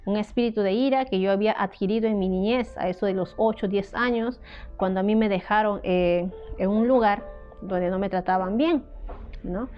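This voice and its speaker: A woman with a Peruvian Spanish accent delivers a heartfelt sermon testimony at a mid pitch. She talks slowly and haltingly, often checking in with a questioning "right?". The audio is dull and lo-fi, with soft music underneath. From Peru. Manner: earnest, slow and halting, often asking "¿no?". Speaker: ministry speaker.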